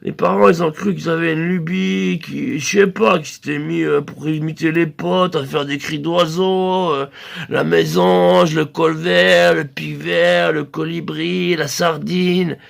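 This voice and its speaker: A man telling a rambling comic story in a loose, hesitant way, now and then breaking into shrill bird-call squeals. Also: fairly even intonation, measured pace, vocal fry. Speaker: comedian.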